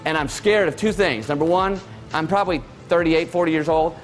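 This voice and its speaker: Delivering a motivational keynote, a man in his late forties speaks like a relaxed, chatty storyteller, fairly quickly. His voice is a bit high for a man. The audio is poor, with faint music underneath.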